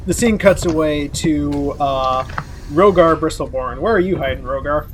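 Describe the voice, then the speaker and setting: A man's voice: a little high, moderate pace, slight background noise. A man running a live-streamed tabletop game as game master, easygoing and laughing often. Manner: laughing, easygoing, distracted by tech.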